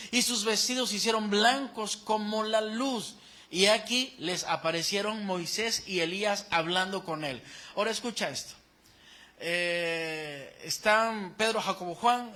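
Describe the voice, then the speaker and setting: A man preaching a sermon as pastor, animated and calling the congregation to repeat phrases after him. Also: high voice.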